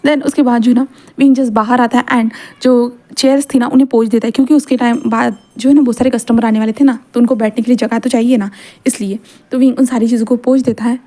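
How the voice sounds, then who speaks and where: A woman narrating a romance story in an easy, conversational manner, full of small fillers. Her voice is fairly high but mellow and warm. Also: steady tone, quick pace. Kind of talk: reading fan fiction aloud.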